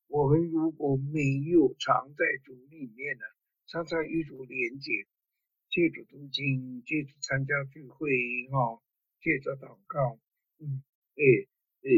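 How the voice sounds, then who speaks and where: A male preacher gives a sermon in a husky, breathy voice. He talks haltingly, full of fillers, and poses rhetorical questions. The recording is dry and a little dull. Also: mid-range voice, a bit bright, dry recording. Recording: dull lo-fi sound.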